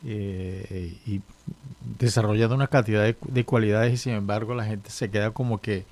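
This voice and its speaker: A man co-hosting an interview, posing a question with halting restarts. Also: on the low side, fairly even intonation, darkish tone.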